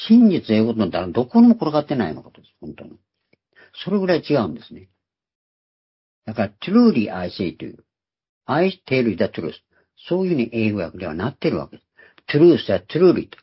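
A man's voice: fairly low pitch, huge pitch swings, quick pace, long pauses, mellow, slightly rough. A man giving a Bible teaching sermon, explaining terms one by one and repeating key words for emphasis. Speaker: preacher. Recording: dull lo-fi recording.

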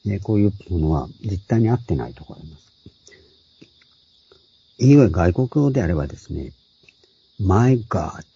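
An older man preaches slowly and explains scripture word by word, his low voice very dark and husky. It comes through a dull, lo-fi and dry recording. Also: big pitch swings, no room sound. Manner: measured, explains word by word, voicing scripture quotes higher. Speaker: Bible teacher. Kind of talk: explanatory Bible sermon.

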